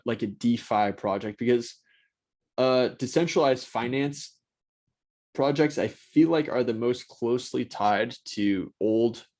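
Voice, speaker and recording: A man's voice: medium pitch, a little mellow. Blunt, profane man hosting a talk. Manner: blunt, profane, rambling with restarts. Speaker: host. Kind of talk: casual solo talk.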